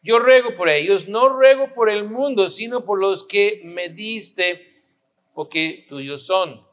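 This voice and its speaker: A man preaching a sermon in a high, unhurried voice. He drives his points home with rhetorical questions and repeated lines. The recording sounds a little muffled. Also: lively intonation, a bit bright. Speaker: pastor.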